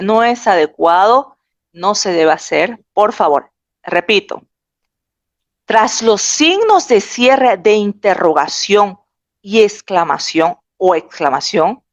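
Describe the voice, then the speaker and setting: A woman's voice: medium pitch, no room sound. A woman giving an online lecture on spelling rules, insistent and repeating her points emphatically. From Bolivia. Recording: dry, dull lo-fi recording.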